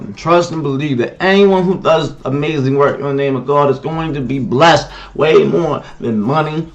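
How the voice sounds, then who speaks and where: A man hosting a solo livestream, talking in an impassioned, preachy way and often repeating "okay?" to make his point. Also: medium pitch. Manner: shouts at someone off-mic. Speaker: livestream host.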